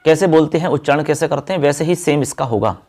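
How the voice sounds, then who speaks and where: A male teacher giving an exam-focused lesson, calling his viewers friends and children and chanting verses slowly. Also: a little high, darkish tone.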